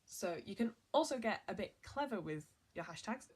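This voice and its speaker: A woman's voice: mid-range voice, animated, normal speed, slightly rough. A young woman presenting a casual online marketing tutorial in an upbeat, chatty way, with a lot of "so" and "like".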